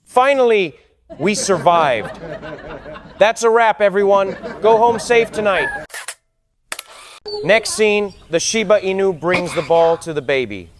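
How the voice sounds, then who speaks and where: A man with a notably high voice plays a harried film director, bossy and exasperated as he calls cut and again. A crowd is clearly heard behind him. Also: expressive, a little slow, long pauses. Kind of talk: scripted comedic narration.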